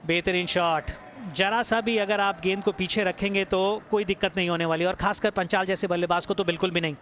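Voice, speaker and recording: A man's voice: sits high, fairly even intonation, brisk. A man with an Indian accent giving analytical, explanatory live cricket commentary. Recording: noisy outdoor ground behind commentary. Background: clear outdoor noise.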